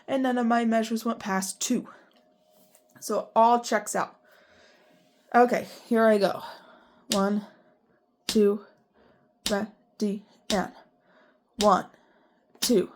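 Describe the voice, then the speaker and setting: A music teacher with a stuffy, mid-range voice walks through reading rhythms, counting the beats out loud in firm, evenly spaced syllables. Between counts she chats away and pokes fun at herself.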